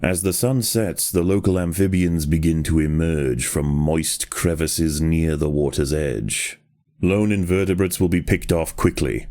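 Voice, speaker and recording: With a warm tone and a low, rumbling voice, a man reads nature documentary narration written for a video game. His storytelling is slow, careful and solemn.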